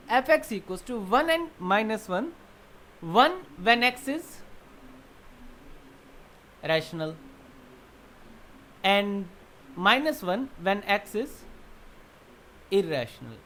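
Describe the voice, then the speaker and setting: Teaching math in a blend of Hindi and English, a man with a slightly bright voice walks through each step, firing off quick check questions and answering them on his own. His pitch moves widely over a faint background hiss.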